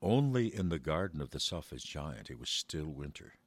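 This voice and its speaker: A man reading a children's story aloud in a measured way, slowing down for verse. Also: rumbling low, sing-song, breathy edge, dry recording.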